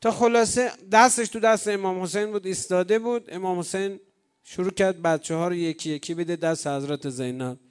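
Brief: male preacher, fairly high voice, mourning sermon, hushed to loud, slow sung lament. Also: clean tone. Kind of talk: mourning sermon, storytelling that turns into chanting.

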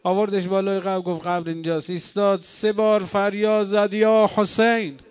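A man's voice: high-pitched, flat delivery, darkish tone, clear, resonant tone. A man preaching a mourning sermon, telling a story to a gathered congregation. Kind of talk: mourning sermon with chanted lament.

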